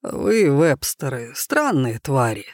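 A man playing a gruff, loyal wolf in a storybook reading, slow and measured, with a dry close sound. He speaks bluntly and sternly. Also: a little high, lively intonation, darkish tone, dry recording.

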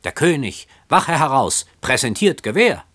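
A man's voice: mid-range voice, very animated, a little slow, fairly bright tone, no room sound, pitched above the performer's own voice. A man reading aloud voices a timid young man who pleads and whines. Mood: whining. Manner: pleading, whining. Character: timid, whining young man, a fearful cousin.

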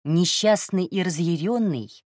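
A woman reading a first-person story aloud in a calm, even narration. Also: fairly low pitch, unhurried, no room sound, studio quality. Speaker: audiobook narrator.

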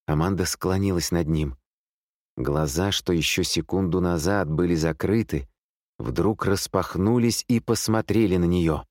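A man narrating an audiobook thriller in a steady, suspenseful reading. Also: deep voice, unhurried, no room sound, clean studio sound. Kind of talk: scripted narration.

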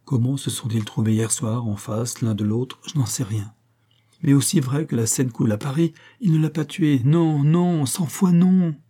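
A man's voice: mid-range voice, moderate pace, warm tone, slightly rough, pitched above the performer's own voice, close to an everyday voice. A man voicing a small, sweet-voiced young woman who speaks earnestly and with emphasis in an audiobook. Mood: pleading insistent.

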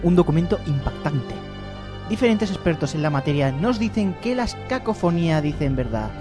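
A man's voice: on the high side, very animated, moderate pace, music in the background. A man narrating a scripted mock documentary report as a reporter.

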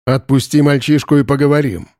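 A man voicing a grim, weary border guard who speaks low and hushed, in an audiobook. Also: fairly even intonation, brisk, no room sound, studio quality, natural voice.

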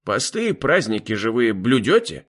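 A man voicing a gruff, sardonic old bearded man who talks bluntly and mockingly. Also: mid-range voice, very animated, normal speed. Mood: wry.

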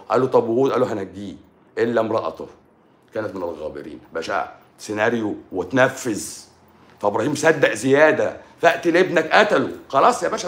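A man with an Egyptian accent delivers an informal monologue on religious philosophy. He keeps posing questions, acting out imagined dialogue, repeating words and addressing the listener directly. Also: mid-range voice. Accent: Egyptian Arabic.

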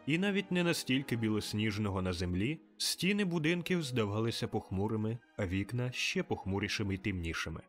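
A man giving expressive, measured audiobook narration of a classic tale. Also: medium pitch.

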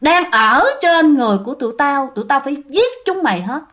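A woman's voice: high voice, expressive, a little fast, fairly bright tone. A woman voicing a menacing male spirit that speaks through a possessed child, in a growled, threatening tone.

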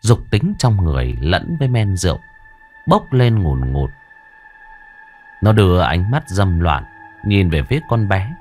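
A man's voice: sits low, very animated, measured pace, pauses often, darkish tone, faint music behind. A man, narrating a ghost story dramatically.

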